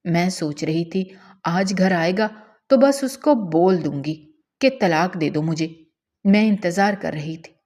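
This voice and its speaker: A woman's voice: on the low side, darkish tone. Woman narrating a dramatic, tearful story. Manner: dramatic, tearful delivery of a domestic tale. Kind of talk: emotional first-person story narration.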